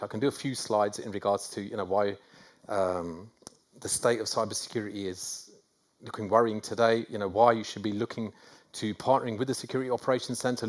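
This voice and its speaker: A middle-aged man with a North London accent giving a conference talk, self-deprecating and rambling with many fillers and restarts. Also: medium pitch. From England. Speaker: conference speaker. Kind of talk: conference presentation. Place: conference hall.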